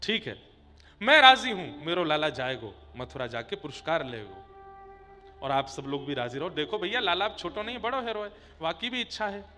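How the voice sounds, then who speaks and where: A male preacher voicing a loving, worried mother, speaking softly and tenderly. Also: on the high side, lively intonation, moderate pace, voice pushed down. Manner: soft, tender, fussing. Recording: long hall reverb with faint music.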